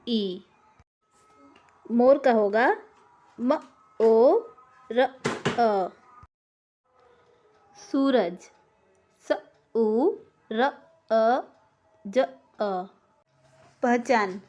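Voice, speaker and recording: Slow, patient woman teaching children. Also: on the high side, darkish tone. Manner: spells out sounds one by one, asking and answering her own questions. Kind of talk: slow, deliberate Hindi grammar lesson for children.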